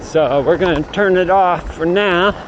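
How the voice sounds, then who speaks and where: Out on a mountain bike trail, a vlogger who also does amateur radio chats casually and thinks aloud, wandering from thought to thought. His voice is high-pitched and a bit slow, and he is middle-aged. The sound is muffled, with noticeable background noise around him.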